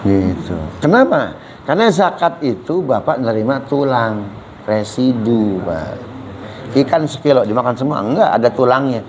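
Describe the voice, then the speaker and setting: A man with a medium-pitched voice at normal speed gives a lively Islamic lecture, captured in a low-quality recording with slight background noise. Animated and joking, he keeps calling his listeners "Pak", drops "subhanallah" between points, and takes audience questions.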